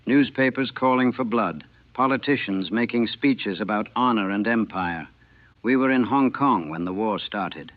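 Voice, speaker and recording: A man's voice: fairly low pitch, moderate pace, no echo. A man in his sixties, a navy veteran, recalling a battle in a plain, matter-of-fact way on an old 1940 recording. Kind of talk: first-person war reminiscence. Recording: thin, dry, phone-like old recording.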